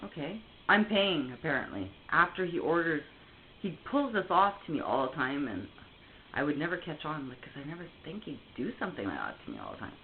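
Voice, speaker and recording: A woman's voice: deep voice, very animated, fairly quick. Woman ranting over a phone line. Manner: heated, swearing, rambling with restarts. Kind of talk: casual storytelling on a phone call. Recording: tinny phone line, faint hiss.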